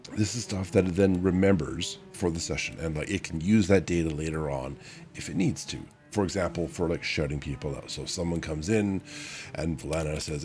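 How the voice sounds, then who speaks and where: A young man chatting casually on his stream, tired and hiccuping, rambling and correcting himself as he goes. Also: rumbling low.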